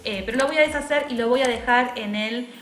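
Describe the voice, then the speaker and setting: Lady teacher walking through a tutorial, highish voice, roomy echo. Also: fast, a bit bright, slight background noise. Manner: patient, explains step by step, many tag questions. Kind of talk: screen-recorded software tutorial. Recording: echoey room with faint music.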